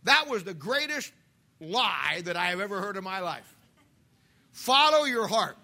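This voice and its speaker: A man in his fifties preaches to his church in a fervent, folksy way, circling back on his phrases. His voice sits high for a man and comes across sharp and forceful. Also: sing-song, normal speed, vocal fry. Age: 50s. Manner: impassioned preaching with folksy asides and repetitions. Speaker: pastor. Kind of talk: sermon.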